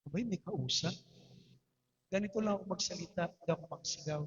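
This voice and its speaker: A man's voice: sits high, fairly quick, slightly rough. A Filipino man preaching a sermon, his voice strained, with emphatic repetitions and rhetorical questions. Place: church hall. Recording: dull livestream audio in a reverberant hall.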